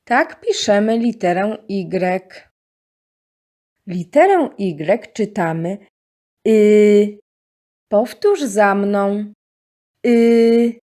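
Very slow, careful woman teaching reading. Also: medium pitch, lively intonation, darkish tone. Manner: slow, clearly articulated, repeating each syllable. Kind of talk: slow syllable-by-syllable reading lesson for children.

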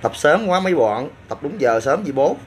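A man's voice: fairly high pitch, very animated, moderate pace, breathy edge, faint music behind. A man with a Southern Vietnamese accent, a gym owner chatting casually on a livestream and answering comments with boastful, crude banter.

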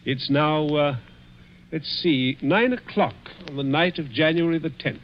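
An actor playing a sly, menacing, miserly rich man in a vintage radio thriller, deliberate and taunting, with hesitant pauses. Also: a little high, a little hiss or hum, natural voice. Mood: gloating. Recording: muffled old radio drama recording.

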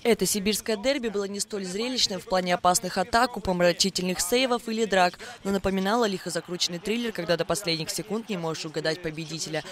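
Man, sports news reporter, high voice, quick pace, scripted narration. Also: a bit bright.

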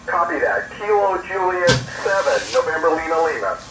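A man's voice crackles in over a fading radio link, sitting far back under thick hiss in a hollow, echoing sound. He keeps to terse radio procedure and spells out letters in the phonetic alphabet. His pitch sits slightly high for a man. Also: expressive, moderate pace. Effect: voice received over a radio link, fading and noisy like shortwave. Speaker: amateur radio operator. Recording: noisy, distant, echoey radio reception.

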